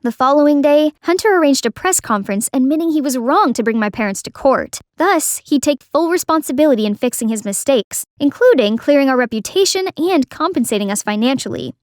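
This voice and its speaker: A young woman tells an animated story as its narrator. Her voice is high and the delivery is dramatic and scripted. The sound is very dry and close. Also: fairly quick, hardly any pauses, no room sound.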